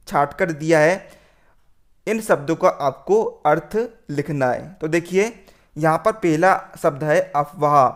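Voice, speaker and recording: A male teacher working through a worksheet lesson. He keeps saying "theek hai" and calls the students "friends.". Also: fairly high pitch. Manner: repeats "theek hai", addresses "doston".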